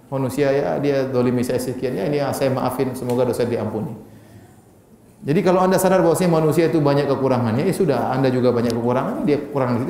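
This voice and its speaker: A man's voice: medium pitch, dark tone, reverberant, slight background noise. A man giving a casual, joking sermon and answering audience questions as a preacher. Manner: conversational, joking asides. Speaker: Islamic preacher.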